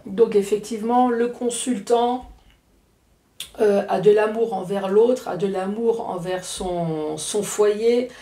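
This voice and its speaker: A woman with an Alsatian accent talks through a tarot reading in a loose, chatty way, slipping in jokes and tag words. Her voice has a gravelly fry. The room around her rings with echo. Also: mid-range voice, dark tone. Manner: chatty, joking asides, frequent "hein" tags. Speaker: card reader. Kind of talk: casual tarot reading to camera.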